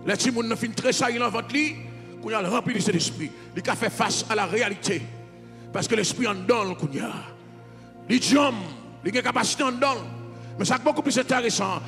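A man's voice: very high voice, a little fast, fairly bright tone. A man with a Haitian accent, a pastor preaching a fervent, sing-song sermon. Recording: reverberant hall with music behind.

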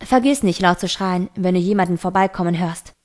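A woman voicing a hostile young man who speaks curtly in a lowered voice. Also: fairly quick, lightly acted. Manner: lowered, curt, brusque. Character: gruff hostile young man, cold and curt.

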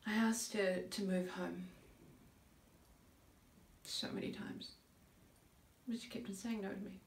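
Dramatic monologue: actress as bewildered grieving mother, middle-aged, searching soliloquy, creaky voice, long gaps, distant roomy recording. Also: medium pitch, steady tone, a little hiss or hum. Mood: subdued, searching. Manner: searching soliloquy, halting with long pauses, groping for words. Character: grieving mother recalling her daughter's decline, subdued and bewildered. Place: indoor room before a curtain, recorded from a few feet. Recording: roomy echo, distant microphone.

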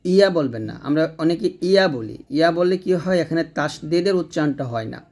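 A man from Bangladesh, teaching Quran recitation by spelling out letters and vowel marks, then reciting slowly in a chanting tone. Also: on the high side, expressive, a little mellow. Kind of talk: tajweed recitation lesson.

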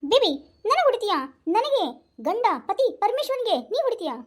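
A woman plays a whiny, henpecked young husband in a comedy sketch. He pleads and protests at high pitch, saying the same thing over and over in a quick, breathless rush. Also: very noisy, close to an everyday voice. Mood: whining. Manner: pleading, protesting and repeating himself. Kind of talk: comic sketch acting.

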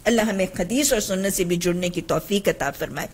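A woman's voice: fairly low pitch, fairly quick, slightly rough. A woman with a Pakistani Urdu accent giving an earnest, emphatic religious lesson, reading hadith and explaining them, with English phrases mixed in.

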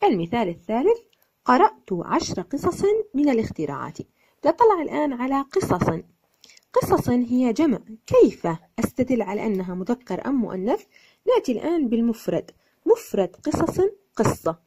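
A woman's voice: fairly high pitch, sing-song, fairly quick, mellow, slightly rough. A woman teaching a grammar lesson step by step, mixing formal speech with everyday dialect. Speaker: Arabic teacher.

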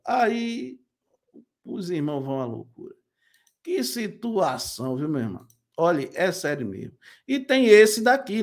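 A man hosting a video channel, reacting with incredulous, mocking commentary. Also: sits high. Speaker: channel host.

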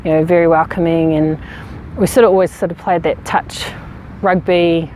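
A woman in her thirties from New Zealand, a rugby player answering interview questions outdoors in a frank, relaxed way with many fillers. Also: lowish voice, normal speed, slight background noise, low-quality recording. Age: 30s. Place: outdoors on a sports field. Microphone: camera at medium distance.

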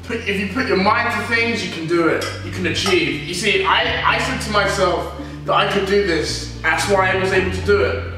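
A man's voice: high voice, normal speed, pushed and bright. A young man talking casually to camera as a food challenge vlogger. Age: young adult. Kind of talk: casual vlog talk to camera. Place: home kitchen, indoors. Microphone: camera a few feet away. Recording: echoey room, distant camera mic, music behind.

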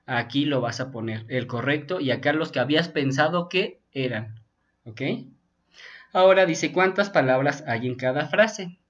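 A man's voice: mid-range voice, lively intonation, normal speed. A male teacher, patiently walking young students through a textbook in an online class and often checking in with "ok?". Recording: dull lo-fi sound.

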